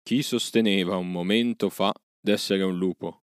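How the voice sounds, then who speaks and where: A man's voice: deep voice, fairly even intonation, moderate pace, no echo, clean studio sound, close to an everyday voice. A man voicing a proud old wolf, a former pack leader, with a growling, self-satisfied manner.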